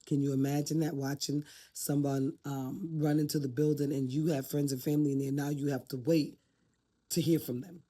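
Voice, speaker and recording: A woman's voice: low voice, flat delivery, moderate pace, dark tone. An older woman talking to camera off the cuff, reflective and heartfelt as she shares life advice. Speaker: vlogger giving life advice. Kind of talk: casual unscripted talk to camera.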